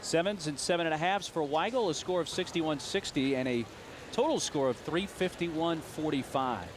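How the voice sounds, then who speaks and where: A man working as a diving announcer, formally calling dives and scores in measured, clipped phrases. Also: fairly high pitch, noisy background. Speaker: diving meet announcer and commentator.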